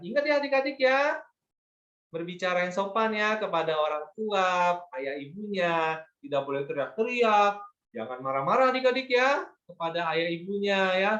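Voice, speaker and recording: A man's voice: sits high, fairly bright tone, echoey room, lo-fi sound. A man teaching an online Sunday school lesson to children, patient and coaxing, often asking them to agree.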